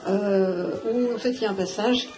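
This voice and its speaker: A woman speaking on a live round-table panel, thinking aloud with many pauses and fillers. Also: medium pitch, warm tone. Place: theatre hall. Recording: noisy live room recording.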